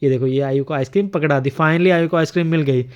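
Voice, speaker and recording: A man's voice: on the high side, quick pace, clear, resonant tone, dull audio. A man narrating a home video in casual voice-over, chuckling often as he comments. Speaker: vlogger narrating a family video.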